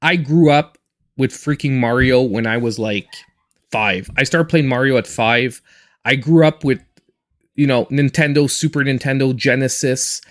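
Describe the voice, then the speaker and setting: A man's voice: mid-range voice, measured pace, fairly bright tone. A man in his forties chatting casually and in a reserved way while he live-streams a game as host. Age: 40s.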